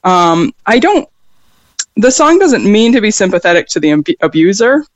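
In this interview, an American songwriter guest, born in upstate New York and raised in Vermont, talks at normal speed in a mid-range voice with big pitch swings. The recording has no echo, and her speech is halting, full of fillers and restarts.

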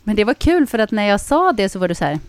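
A woman hosts a casual podcast chat, lively and enthusiastic in the way she talks. Her voice sits at a middling pitch. The recording is dry and close, with no reverb. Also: clear, resonant tone. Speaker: podcast host and sports commentator.

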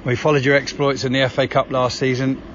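A man of medium pitch asks post-match questions at a brisk clip as a football reporter. Clear background noise sits behind his voice. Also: little pitch movement, a bit bright, highs cut off. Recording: clearly noisy match-ground interview.

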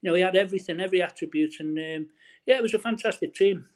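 A man's voice: high-pitched, very fast. A middle-aged man, a former footballer chatting in an interview, restarting his sentences often and filling with "you know". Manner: chatty, many restarts and fillers. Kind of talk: casual interview, reminiscing.

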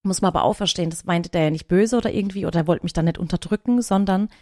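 A woman in her thirties, a podcast co-host, chatting casually and telling long stories in an animated way. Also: on the low side, very fast, no room sound, clean studio sound. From Germany. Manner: animated storyteller, talks at length. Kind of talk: casual chat.

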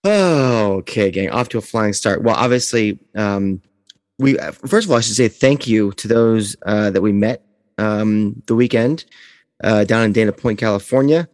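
A man's voice: on the low side, normal speed, a little mellow, no room sound, clean studio sound, big-room sound. A man hosting a podcast in a casual, chatty style. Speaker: podcast host. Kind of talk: casual chat.

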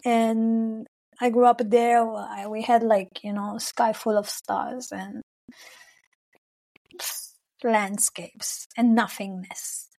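A young English-speaking woman from Israel-Palestine, a singer, appears as a guest in a casual conversational interview. Her mid-range voice is warm, and she searches for words, leaning on "like" and "you know" and laughing easily and often.

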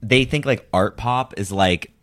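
Low-voiced man in his twenties, chatting casually. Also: measured pace, fairly bright tone. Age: 20s. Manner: hesitant phrasing with frequent "like". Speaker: podcast guest. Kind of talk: casual chat.

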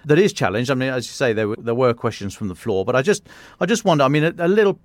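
Halting British male podcast host, dry sound. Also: mid-range voice, expressive, no room sound. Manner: halting, repeats words. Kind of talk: conversational interview.

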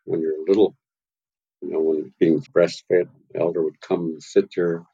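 In his home carving workshop, a carver and elder in his sixties, a guest from Vancouver Island's west coast in Canada, tells stories reflectively. He speaks slowly and gently in a deep, mellow voice, chuckling softly, captured in a dry recording with dull audio.

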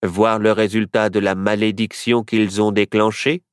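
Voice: medium pitch, little pitch movement, moderate pace, smooth, no room sound, clean studio sound, natural voice. A storyteller voicing a stern, wary chief in a children's storybook, speaking in a cold, defensive way.

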